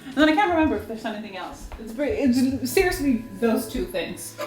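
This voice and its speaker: A Swedish woman films a vlog at home, chatting playfully in her kitchen and living room and laughing easily. Her fairly high voice is sing-song and fairly quick. The room echoes, with soft guitar music playing.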